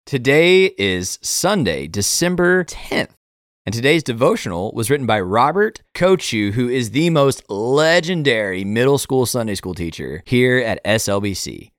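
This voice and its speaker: A man co-hosting a church podcast, reading a scripture passage aloud with lively expression. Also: mid-range voice, a little slow, no room sound, studio quality. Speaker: podcast co-host.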